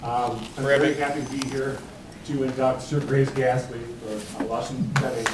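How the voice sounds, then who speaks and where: A man's voice: medium pitch, level tone, moderate pace. A man giving an informal, hesitant tribute speech at a live induction event. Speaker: speaker inducting an honoree. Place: large room at a live event. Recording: echoey, distant mic, clear noise.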